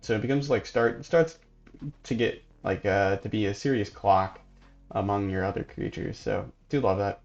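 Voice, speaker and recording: A man hosting a gaming channel, casually commenting on gameplay and thinking aloud in a relaxed, sleepy way. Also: lowish voice, normal speed, gravelly, highs cut off, soft background music. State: sleepy, yawning.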